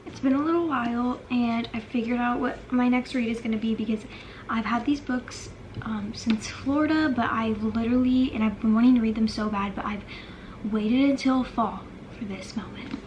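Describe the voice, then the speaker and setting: A young woman talks through her latest reads in a casual, gushing way, full of filler words. Her voice sits a little high. A faint hiss runs under the recording. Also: normal speed, a little mellow, lo-fi sound. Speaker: book vlogger. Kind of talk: casual chat.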